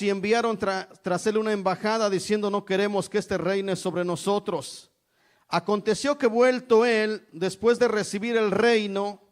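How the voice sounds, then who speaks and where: A high-pitched middle-aged man from Mexico delivering an evangelical sermon. He preaches emphatically and peppers nearly every phrase with a call to his brothers and sisters. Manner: repeats "hermanos" constantly, emphatic preaching.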